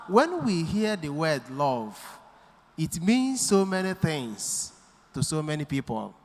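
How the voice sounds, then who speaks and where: A priest preaching a sermon into a pulpit microphone in a church, speaking deliberately and quoting scripture. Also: male voice, on the high side, fairly bright tone. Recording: long church hall reverb.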